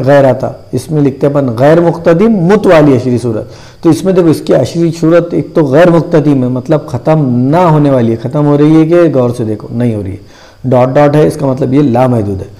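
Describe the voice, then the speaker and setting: A man giving a maths lesson, his voice mellow and dark in tone. He works through each idea step by step, asking questions aloud and answering them himself. He often slows down to repeat key terms and digits. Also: on the high side. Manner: repeats terms and numbers slowly. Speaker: maths teacher. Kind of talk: classroom-style video lesson.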